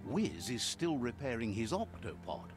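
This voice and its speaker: A man voicing a game's storybook narrator who relays a creature's words in calm, scripted narration. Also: medium pitch, normal speed, close to an everyday voice. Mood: solemn. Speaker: game narrator. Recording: music behind.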